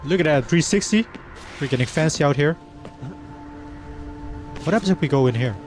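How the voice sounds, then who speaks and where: A man's voice: on the high side, lively intonation, moderate pace, soft background music. A Dutch man streaming a game live, chatting casually with his viewers and laughing between lines. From Netherlands. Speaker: livestreamer. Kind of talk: casual chat while gaming live.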